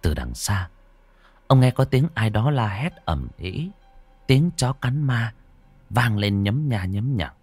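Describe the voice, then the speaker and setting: A man with a deep voice tells a ghost story, his pitch swinging widely as he builds suspense. His delivery is dramatic and scripted, with faint music playing under him. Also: slow, slightly rough, no room sound. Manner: animated, rising and falling for suspense.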